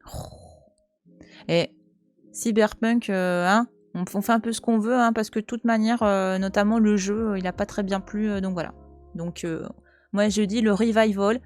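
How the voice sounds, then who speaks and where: A chatty, teasing French woman in her thirties streams casually from home, bantering with her viewers as she plays. Her voice sits at a middling pitch, and faint music plays under her talk. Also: measured pace, a little mellow. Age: 30s. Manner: chatty, teasing, talks back to chat. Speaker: Twitch streamer. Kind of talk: casual live-stream chat while playing. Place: at home, cat nearby.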